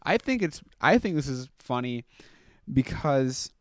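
A man co-hosting a casual comedy podcast, joking around and laughing often, sometimes reading aloud slowly with heavy pauses. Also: medium pitch, sing-song, dry recording, clean studio sound. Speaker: podcast co-host.

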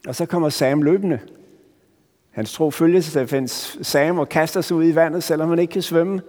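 A Danish man preaching a sermon as pastor, earnest and searching, often restarting phrases and pausing for emphasis. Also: fairly high pitch, steady tone, a little mellow. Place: church. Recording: long church reverb.

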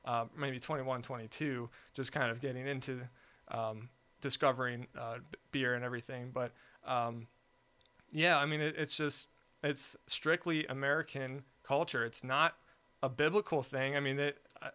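A man's voice: mid-range voice, steady tone, moderate pace, bright, forceful tone, clean tone. A young man talking casually in a discussion, rambling with many fillers and restarts. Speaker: podcast guest.

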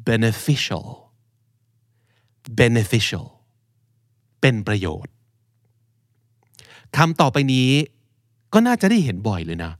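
A young man hosting a podcast vocabulary lesson, explaining words slowly, repeating them and quizzing listeners on which syllable takes the stress. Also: fairly low pitch, no echo, clean studio sound. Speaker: English vocabulary teacher.

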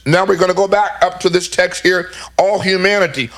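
A man with a fairly high voice teaches scripture. He is emphatic and repeats phrases as he reads verses aloud and then explains them. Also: fairly even intonation, brisk, a bit bright. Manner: emphatic, repeats himself while reading verses.

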